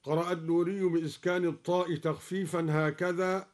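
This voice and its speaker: A man explaining recitation variants in a measured voice, then chanting the verses in a slow, melodic, drawn-out style for a radio broadcast. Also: sits high, little pitch movement. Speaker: Quran recitation teacher. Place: radio studio.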